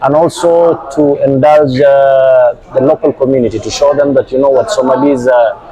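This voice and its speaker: This clip features a middle-aged football club director from Uganda fielding interview questions with frequent hesitant filler pauses. He speaks in a mid-range, mellow voice with a steady tone, though the audio quality is poor.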